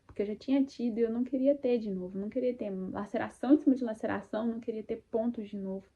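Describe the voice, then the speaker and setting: A young Brazilian woman casually and emotionally telling her own birth story to viewers, speaking warmly about her faith and acting out her own cries. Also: on the high side, steady tone, fast talker, slightly rough, lo-fi sound. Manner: faith-filled, addresses viewers as "gente". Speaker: vlogger sharing birth story.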